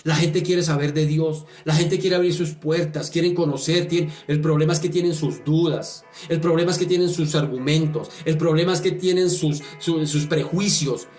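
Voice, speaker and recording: A man's voice: fairly high pitch, steady tone, moderate pace, few pauses, darkish tone. A man, a pastor leading a fervent, repetitive pleading prayer and sermon. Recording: echoey room with faint music.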